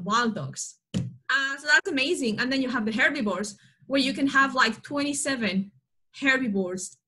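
Bright-voiced young woman from Spain. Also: on the high side, breathy edge. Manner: eager, animated explanations with fillers. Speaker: biologist guest. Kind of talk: casual video-call interview. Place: small room at home. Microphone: video call.

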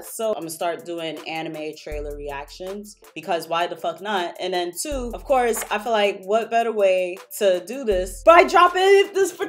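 Excitable high-voiced woman vlogger. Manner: excitable, slangy and profane. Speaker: anime reaction YouTuber. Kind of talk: casual reaction vlog.

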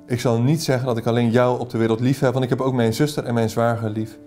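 A devoted young man pleading his love, read by a man from a novel. The speech is earnest and passionate, delivered in a dark, mellow voice at an ordinary middle pitch. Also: level tone, quick pace, faint music behind, close to an everyday voice. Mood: ardent.

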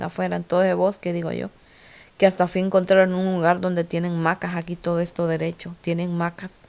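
Low, flat-voiced woman vlogger. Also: clear, resonant tone. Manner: emotional, repetitive retelling with quoted dialogue. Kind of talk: casual storytelling to viewers.

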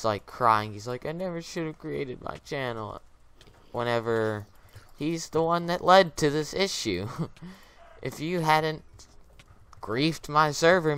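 A man giving a casual, rambling gameplay commentary rant, aggrieved and halting, with lots of fillers. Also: lowish voice, pushed and bright, clean tone. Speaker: gaming YouTuber.

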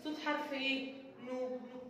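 A woman's voice: sits high, level tone, fairly quick, fairly bright tone. An Egyptian woman teaching a kindergarten lesson in a sing-song voice, asking questions and answering them herself. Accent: Egyptian Arabic. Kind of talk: recorded children's lesson. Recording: echoey room, voice from a distance.

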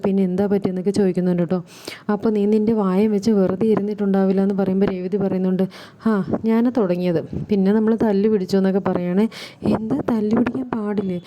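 A woman speaks at a brisk clip in a deep, mellow tone. She is a vlogger walking listeners through an upcoming serial episode, relaying who says what in casual narration. Her asides to the listener keep it conversational. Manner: retells dialogue in quick conversational narration with frequent tag asides. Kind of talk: casual spoken retelling of upcoming episode scenes.

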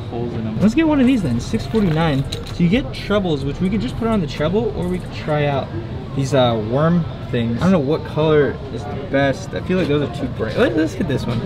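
A chatty young man with a slightly high voice hosts a fishing channel, rambling casually to the camera and laughing at himself. He starts in a store aisle and then moves to an outdoor lakeside park, with background music playing.

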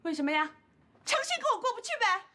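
A woman's voice: very high-pitched, big pitch swings, fast, heavily acted. An actress playing a short-tempered aunt and young mother who scolds and nags sharply. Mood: complaining. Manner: scolding, sharp-tongued nagging. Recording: loud music score behind.

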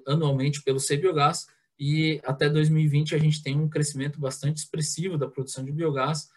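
Hesitant man presenting on a video call. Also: on the high side. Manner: hesitant, frequent filler sounds and restarts. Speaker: president of a biogas association giving a talk. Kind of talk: online conference presentation. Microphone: headset on a video call.

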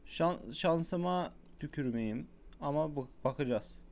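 A young man giving casual gameplay commentary, chatting with viewers and shouting at the game when it gets tense. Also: on the high side, slow pace, creaky. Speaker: gaming YouTuber.

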